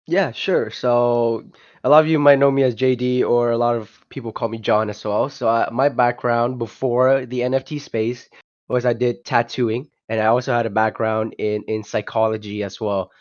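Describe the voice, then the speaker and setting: A young Vietnamese man, a project founder, appears as a guest in a casual podcast interview over an online call. He speaks hesitantly at normal speed in a flat, mid-range voice, full of restarts and "you know" fillers. The dry recording has a dull, lo-fi online-call quality.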